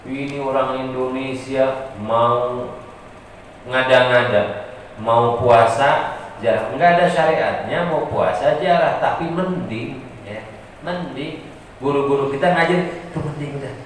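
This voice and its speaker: Man teaching religion in an echoey hall. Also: mid-range voice. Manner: explains terms step by step, asks rhetorical questions, adds humorous asides; often punctuates with a short affirming "ya". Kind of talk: teaching a classical religious text. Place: mosque hall. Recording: echoey hall, distant mic, faint noise.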